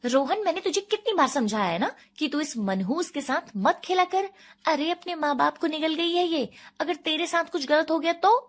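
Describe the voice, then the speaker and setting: A woman voicing a sharp-tongued village mother who scolds loudly in a cartoon story. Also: expressive, moderate pace. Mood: angry scolding. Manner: shrill, scolding.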